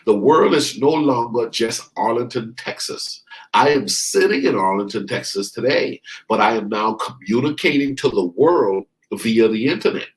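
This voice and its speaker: In a low-quality recording, a man from the Bahamas preaches a motivational sermon as a life coach, his mid-range voice expressive. He addresses listeners head-on, repeating phrases for stress and lingering slowly on key words.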